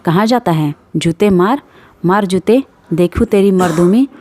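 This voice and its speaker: A woman's voice: mid-range voice, unhurried, mellow, dry recording, lightly acted. A woman voicing a fierce, defiant peasant wife who scolds with cutting retorts. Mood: angry defiant.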